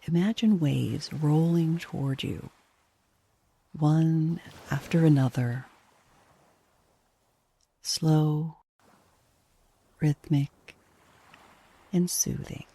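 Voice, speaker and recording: Guiding a sleep meditation, a woman speaks in a low-pitched, hushed, and breathy voice. She is soft and soothing, taking her time throughout.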